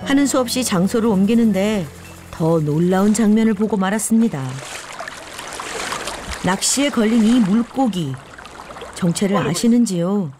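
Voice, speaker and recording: A woman with a medium-pitched voice narrates a nature documentary. She reads from a script like a storyteller, taking the point of view of an animal. Music plays clearly behind her. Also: moderate pace, long pauses. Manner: storytelling, speaking as one of the river's birds. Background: background music.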